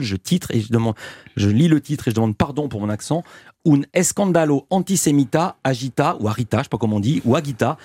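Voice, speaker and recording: A man hosting a radio media show from the studio, brisk and lightly self-mocking as he introduces guests. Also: mid-range voice, dark tone, husky, no echo. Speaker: radio host.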